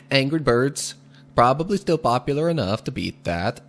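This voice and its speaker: Casual gameplay commentary comes from a gaming video host whose voice is medium in pitch. He slips into a put-on, exaggerated foreign accent, speaking in a measured, deliberate manner and chuckling occasionally.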